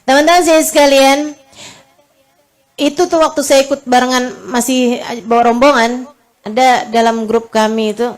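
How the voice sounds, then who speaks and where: A woman gives a storytelling sermon as an Islamic preacher, her high voice steady at a normal pace with long pauses. She's emotional yet chatty and joking, calls her listeners friends, and goes hushed when quoting words of comfort.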